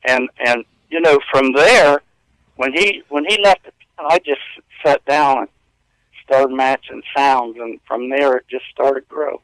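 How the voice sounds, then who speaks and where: A man's voice: medium pitch, a little slow, a bit bright, no room sound, rough recording. Earnest rambling man in his fifties. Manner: earnest, rambling storyteller who chuckles often. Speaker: interview guest, pianist. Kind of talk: storytelling in a radio interview. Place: hotel room.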